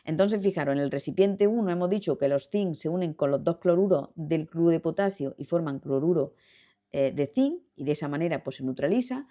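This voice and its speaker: A woman's voice: sits low, expressive, a little fast, mellow. A woman teaching chemistry in a video lesson with a Spanish accent, explaining step by step, repeating key points and checking in with her students. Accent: Spanish from Spain. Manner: patient, repetitive, checks in with students.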